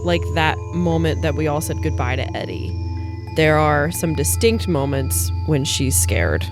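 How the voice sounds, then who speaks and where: A woman's voice: deep voice, animated, unhurried. A woman playing a tabletop game, chatting casually and describing what her character does. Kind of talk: casual improvised role-play chat. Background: music.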